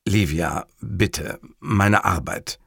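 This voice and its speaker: A man voicing a grumpy, short-tempered male police commissioner who speaks bluntly and gruffly. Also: deep voice, extremely slow, fairly bright tone, no echo, studio quality, exaggerated voice. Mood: weary tender.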